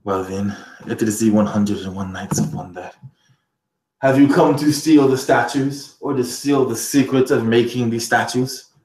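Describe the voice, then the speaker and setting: A man's voice: mid-range voice, moderate pace, a little mellow, echoey room, close to an everyday voice, poor audio. A man voicing an anxious, scheming male court vizier who pleads and stammers. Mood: wary.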